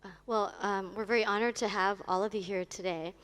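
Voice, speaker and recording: Halting female panel moderator. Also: medium pitch, fairly even intonation, fairly bright tone, clear, resonant tone. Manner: halting, many uhs and ums. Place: conference stage. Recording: reverberant conference hall.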